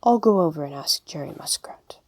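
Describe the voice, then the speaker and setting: A woman voicing a very old, wise male frog who exclaims loudly and emphatically in a storybook reading. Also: sits low, expressive, a little fast. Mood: exclaiming.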